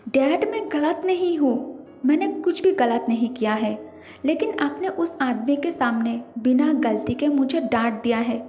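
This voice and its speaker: A woman's voice: high-pitched, lively intonation, a little slow, dark tone, soft background music. A woman voicing a tearful, upset young man who whines and pleads. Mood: hurt. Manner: whiny, pleading. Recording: echoey reverberant room.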